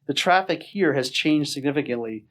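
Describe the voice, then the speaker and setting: A man's voice: a little high, expressive, normal speed, a bit bright. A middle-aged man co-hosting a podcast in casual chat, joking wryly at his own expense. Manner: wry, self-mocking joker. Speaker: podcast co-host.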